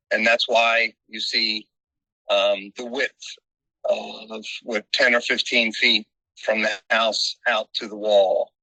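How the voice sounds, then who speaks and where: A man heard over a phone held up to a meeting, speaking haltingly with many pauses and restarts as he explains a project to a commission. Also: medium pitch, pushed and bright, no echo. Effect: heard over a phone held up to the room. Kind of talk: public meeting remarks. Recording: muffled phone speaker audio.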